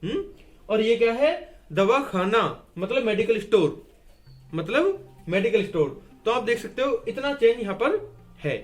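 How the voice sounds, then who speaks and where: High-voiced man teaching Hindi grammar. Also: animated, measured pace. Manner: asks and answers his own questions, repeating key words; writes and erases on a board while explaining. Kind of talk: classroom-style grammar lesson at a board.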